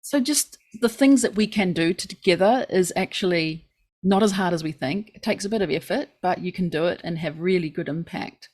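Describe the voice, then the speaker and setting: A woman's voice: on the low side, fairly quick, a little mellow. A woman with a New Zealand accent co-hosting a podcast, earnestly sharing reports and reflections at length. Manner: earnest, informative, lists facts and reports at length. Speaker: podcast co-host. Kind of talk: casual podcast chat.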